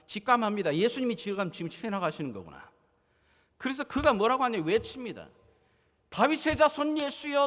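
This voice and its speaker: A man preaching a sermon as pastor, dramatic, swinging his loudness and pitch as he acts out scenes. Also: big-room sound. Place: church sanctuary.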